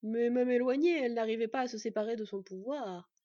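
A soft-spoken old one-eyed god, grave and kind, as a woman reads him aloud. Her tone stays dark and mellow, set in a dry, dull storybook recording. The manner is measured and gentle. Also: fairly high pitch, no echo, close to an everyday voice. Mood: kindly.

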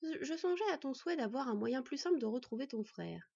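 A woman reading an audiobook, voicing a calm, wise she-wolf in human form who speaks in a cool, measured way. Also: sits high, gravelly, husky, no room sound, lo-fi sound, pitched above the performer's own voice, heavily acted.

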